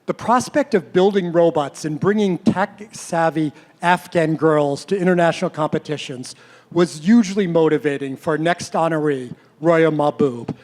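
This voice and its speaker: A man's voice: fairly high pitch, normal speed, a little mellow. Man reading a formal gala script. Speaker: host and narrator. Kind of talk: scripted gala speech and narration.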